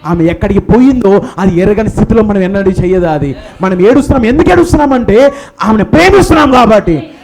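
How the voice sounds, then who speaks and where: A man's voice: high voice, lively intonation, quick pace, darkish tone. A man preaching a sermon at a church memorial service, emphatic and firing rhetorical questions, with English phrases mixed in.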